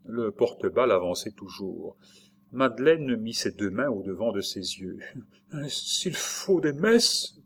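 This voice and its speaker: A man reading a storybook aloud in a measured narrating voice. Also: fairly low pitch, a little mellow.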